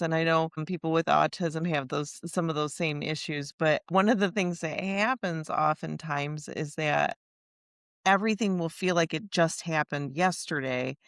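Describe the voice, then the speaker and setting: Woman podcast host, lowish pitch, gravelly fry, chatty, agreeing, dry sound. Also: dry recording. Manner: warmly agreeing, chatty, laughing along. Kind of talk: casual interview chat.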